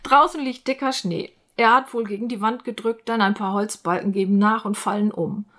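A woman reading a children's storybook aloud. Her delivery is clear, gentle and expressive, paced for young listeners. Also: medium pitch, normal speed.

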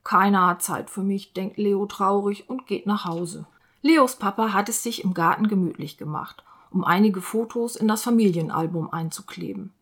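A woman reading a children's storybook aloud in a clear, expressive, gentle way. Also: medium pitch, moderate pace.

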